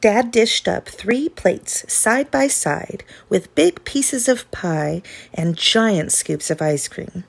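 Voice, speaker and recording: A woman narrates a children's storybook with animated, dramatic emphasis. Her voice has a noticeable creak, and she stretches out important words as a teacher would for young listeners. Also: medium pitch, slow pace, few pauses. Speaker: teacher reading a picture book aloud.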